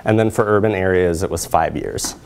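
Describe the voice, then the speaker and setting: A low-pitched man presents social work research in a lecture room, standing by a projection screen. He speaks fairly quickly with a clean tone and vocal fry, staying conversational and using short tag questions to check in with his audience.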